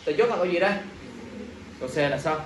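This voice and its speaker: A male teacher runs an animated exam review, firing quick questions at students and checking in after every point. His slightly high voice carries a strong room echo, recorded from some distance with faint background noise.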